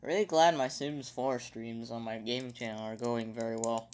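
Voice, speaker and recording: A woman's voice: extremely low pitch, fairly even intonation, normal speed, a little mellow. A young woman chatting casually to her camera as she builds a toy kit, joking, swearing at stray pieces and singing silly rhymes under her breath. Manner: rambling, joking, sings silly rhymes to herself. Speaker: vlogger. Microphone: phone camera aimed at hands.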